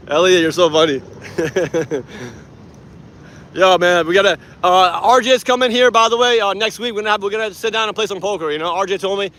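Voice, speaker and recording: Tired, rambling man in his 40s from Iran, vlogs outdoors; high, bright voice, faint traffic behind. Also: normal speed, pauses often. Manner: rambling, animated, laughs often. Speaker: activist vlogger. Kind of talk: casual vlog to camera. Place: city street outdoors.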